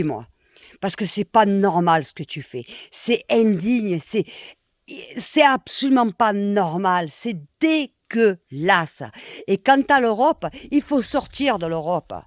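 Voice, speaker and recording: A middle-aged woman from Nîmes with a southern French accent, delivering a heated, repetitive political rant full of swearing and loud outbursts. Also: fairly high pitch, no echo. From Nîmes, southern France. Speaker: expatriate venting online.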